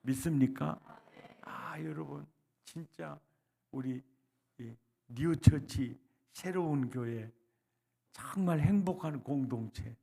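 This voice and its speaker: Fiery revival preacher, slow and dramatic. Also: male voice, on the high side, creaky, husky. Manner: dramatic, swings from soft to loud cries, leads the congregation in repeating lines. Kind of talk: revival sermon with call-and-response. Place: church sanctuary.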